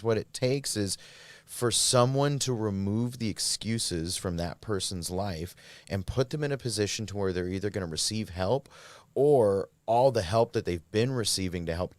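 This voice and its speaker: A man's voice: fairly low pitch, expressive, moderate pace, dry recording. A man, a podcast guest, candidly telling his recovery story in a rambling, filler-heavy way.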